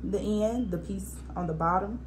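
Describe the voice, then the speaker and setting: A woman's voice: medium pitch, moderate pace, slight background noise. A woman hosting a hair tutorial, casually talking through each step as she works with her hands, recorded on a propped-up phone. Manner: relaxed, instructive, talks through each hand step. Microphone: phone propped up on a spray bottle.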